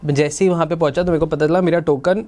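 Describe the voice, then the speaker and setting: A man's voice: a little high, steady tone, fast talker, a little mellow. A young man with a Delhi Hindi accent, hosting a podcast and telling a long personal story in casual chat, acting out the voices of the people in it. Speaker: podcast host.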